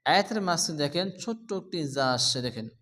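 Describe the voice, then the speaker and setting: A man teaching Quran recitation step by step with a Bangladeshi Bengali accent, explaining patiently, asking the class questions and chanting the verses slowly and melodically. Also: a little high, big pitch swings, fairly bright tone. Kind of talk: step-by-step tajweed lesson. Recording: long reverberant echo.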